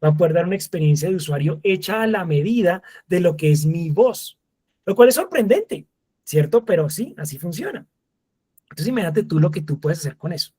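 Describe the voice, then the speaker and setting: A man teaching a live masterclass, animated, who acts out little exchanges with voice assistants. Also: high voice, fairly quick, breathy edge. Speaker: lecturer.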